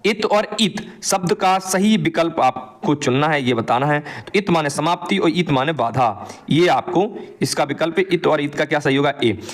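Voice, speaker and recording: A man teaching an exam answer walkthrough, asking his students a question and then answering it himself. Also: a little high.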